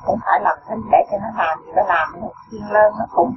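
An older man with a very high voice tells of his family troubles in a weary, worried tone. He sounds far from the mic. The recording is thin and phone-like, with clear noise behind him. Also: a little fast. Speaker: follower asking a question. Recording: distant, phone-like and noisy.

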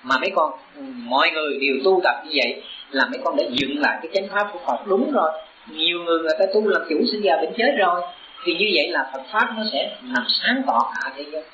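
A man's voice: a little high, quick pace, crowd noise. A Buddhist teacher, preaching to his disciples in an earnest, exhorting tone that climbs into urgent emphasis. The recording is roomy and echoing. It also sounds dull and lo-fi. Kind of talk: sermon to disciples.

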